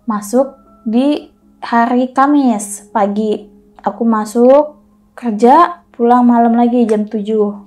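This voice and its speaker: A woman talks in a lively, casual way, acting out the people in her story. Her voice sits a little high. Soft music plays underneath. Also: slow pace, long pauses. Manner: animated, acts out dialogue in quotes. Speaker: guest telling a personal ghost story.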